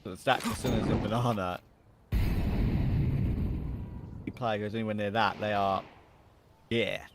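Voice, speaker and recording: A man giving relaxed, joking color commentary alongside a co-caster on a live esports match. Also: fairly low pitch, moderate pace, background noise. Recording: faint game gunfire underneath.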